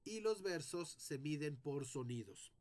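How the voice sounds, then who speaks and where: A man teaching a lesson on poetic meter, speaking deliberately and sounding out syllables one by one as he explains. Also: on the high side, expressive, darkish tone. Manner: addresses students directly.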